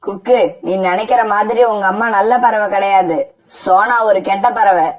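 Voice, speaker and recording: Angry dad sparrow in a cartoon, woman doing it, curt, mid pitch, sounds kinda distant. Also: fairly even intonation, normal speed, natural voice. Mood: harsh. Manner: curt, harsh. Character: stern, angry father sparrow. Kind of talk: cartoon voice acting.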